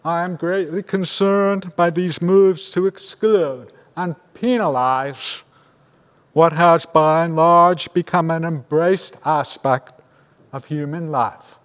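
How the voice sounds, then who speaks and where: An older man preaching as a rabbi, his slightly raised voice unhurried and grave. He speaks into a lectern microphone, and the words trail off in the long reverb of a large synagogue sanctuary. Each phrase comes out deliberate and weighed. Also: fairly high pitch. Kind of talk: sermon. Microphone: lectern microphone on a stand.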